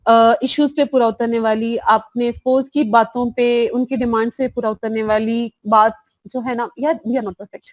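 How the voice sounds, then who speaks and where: A woman's voice: fairly high pitch, no room sound. Chatty woman teaching online. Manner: chatty and warm, mixing in English phrases, reading out chats. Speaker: clinical psychologist teaching a course. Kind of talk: live online course, casual lecturing.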